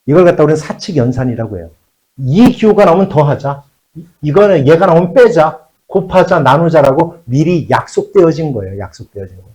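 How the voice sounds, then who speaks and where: Lively-voiced man teaching a math class. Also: fairly high pitch, a little fast, poor audio. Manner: checks in with the students constantly, repeats key phrases; switches between polite and casual speech. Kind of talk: classroom lecture.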